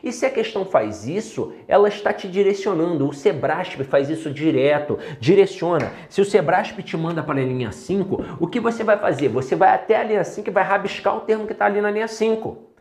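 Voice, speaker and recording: Lively Brazilian man teaching in an echoey room. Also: sits high, brisk. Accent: Brazilian Portuguese. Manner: lively, talks straight to students with rhetorical questions. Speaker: Portuguese teacher for exam prep. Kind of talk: exam-prep video lesson.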